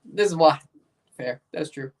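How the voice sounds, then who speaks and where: A man's voice: a little high, measured pace, creaky, darkish tone. A man with an American accent hosting a livestream watchalong, chatting informally and rambling in short, casual bursts. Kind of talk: casual livestream chat with match commentary. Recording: voice some distance from the mic.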